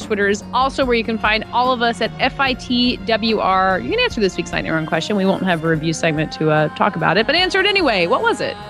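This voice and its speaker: A woman hosting a podcast in a casual, chatty film-talk style. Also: mid-range voice. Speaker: podcast host; entertainment editor.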